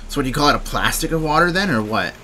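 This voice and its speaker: Bright-voiced drowsy man streaming a game. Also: fairly high pitch, animated, rapid-fire, slight background noise. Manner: rambling, drowsy, thinking aloud. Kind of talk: casual gameplay commentary.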